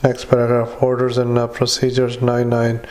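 A man dictating a patient note into a dictaphone, halting with many fillers and reading out punctuation and paragraph breaks. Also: medium pitch, monotone, a little mellow. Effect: dictaphone recording. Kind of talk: medical dictation into a recorder.

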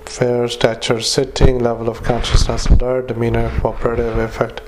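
Male physician, dictaphone recording of clinical notes, utterly flat delivery, frequent hesitations. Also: mid-range voice, noisy background. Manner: flat, halting dictation with many fillers, spells out names. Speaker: doctor. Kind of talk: dictating a medical report into a dictaphone.

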